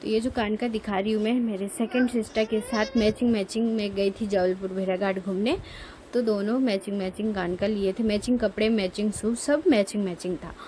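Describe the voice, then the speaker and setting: In this rough recording with a faint hiss or hum, a young woman talks fairly quickly in a steady, mid-range voice. She's vlogging from her bedroom as she gets ready, rambling, homely, and frequently self-correcting, while a child cries and shouts nearby.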